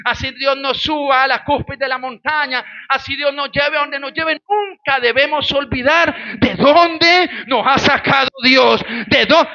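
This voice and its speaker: A man from Colombia with a Colombian Spanish accent, preaching a sermon with lively storytelling that rises into shouted exhortation. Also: very high-pitched, measured pace, few pauses, highs cut off. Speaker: pastor.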